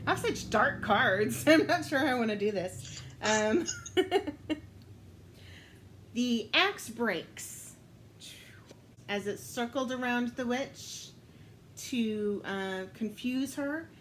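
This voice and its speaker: A woman telling a story aloud while playing a storytelling card game, unhurried and thinking aloud, often breaking into laughter. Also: fairly high pitch, animated, a bit bright, a little hiss or hum, rough recording. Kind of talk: casual storytelling game play.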